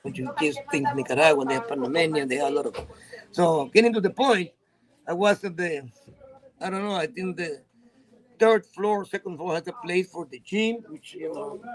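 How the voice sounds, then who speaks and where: A man with a notably high voice talks in English as a second language, his first being Spanish. He tells his story emphatically in a relaxed chat, his grammar a little loose. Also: rough recording. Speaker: guest. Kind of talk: casual chat.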